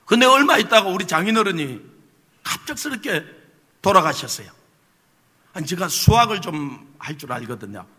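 High, very bright-voiced male pastor preaching. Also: sing-song, moderate pace, pauses often, slightly rough. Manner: humorous storytelling with rhetorical questions to the congregation. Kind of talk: sermon with personal testimony. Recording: long reverb of a church hall.

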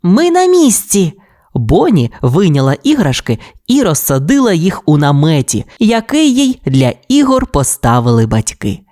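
A woman narrating a children's audiobook tale in an expressive, animated way. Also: deep voice, moderate pace, hardly any pauses.

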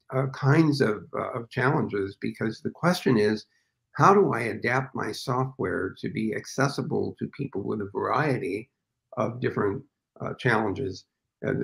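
An older man with a lowish, creaky voice joins an interview as a guest over a video call webcam from his indoor home office, framed pictures behind him. He explains things thoughtfully, with frequent fillers, and the audio quality is poor.

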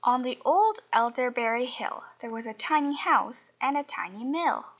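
High, lively storybook reader. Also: female voice, moderate pace, rough recording. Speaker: storyteller reading a picture book aloud. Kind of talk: children's read-aloud.

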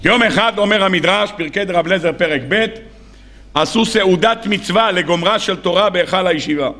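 A rabbi giving a sermon, telling a story in an animated way and acting out its dialogue. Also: male voice, high voice.

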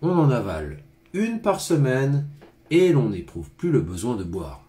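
A man voicing a brisk pill salesman while reading a storybook aloud. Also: medium pitch, wildly swooping pitch, mellow. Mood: salesy.

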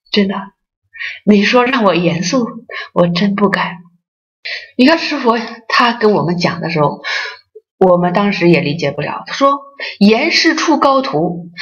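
A middle-aged woman giving a Buddhist dharma talk as an association president. She tells stories, acts out the voices she quotes and speaks straight to her listeners. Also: mid-range voice. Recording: dull lo-fi recording.

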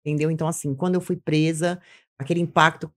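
A woman's voice: low-pitched, fairly even intonation, fast, a little hiss or hum. A woman giving an intense personal testimony as an interview guest, repeating phrases and acting out what she once said. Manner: intense, repeats phrases, acts out her own past words.

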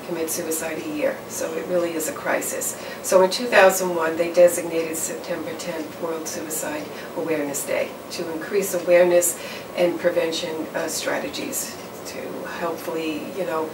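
A middle-aged woman who works as a campus counselor answers interview questions in a low, fairly flat, measured voice, pausing on fillers and restarting phrases. She's in an office or studio in front of a backdrop, recorded by a distant mic that gives a roomy sound with constant background noise.

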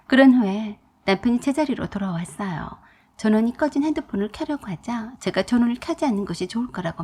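Give me a woman narrating her own story plainly, with a mellow, breathy voice. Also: fairly high pitch. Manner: plain, confiding retelling. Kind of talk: first-person story narration.

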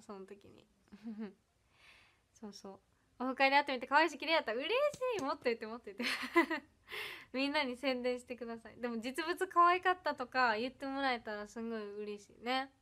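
Giggly young woman from ehime, iyo accent with kansai bits, high voice, chatting on a stream from home. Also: quick pace. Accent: Iyo dialect of Ehime mixed with Kansai. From Ehime, Japan. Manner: bubbly, giggly, often trails off softly. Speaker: livestreamer reading viewer comments. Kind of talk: casual birthday livestream chat.

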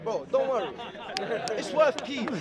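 A man's voice: very high-pitched, animated, a little slow. A young man, arguing in street slang and pressing the same questions over and over outdoors. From Iraq. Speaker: visitor debating. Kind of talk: heated street debate. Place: outdoor park among a crowd. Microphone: clip-on lapel mics. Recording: busy crowd chatter behind.

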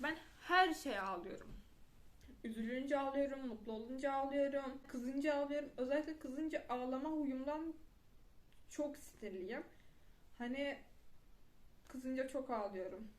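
A young woman talking casually to camera in a vlog, chatty and self-mocking, often restarting her words. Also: fairly high pitch. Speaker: vlogger. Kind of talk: casual confessional chat to camera.

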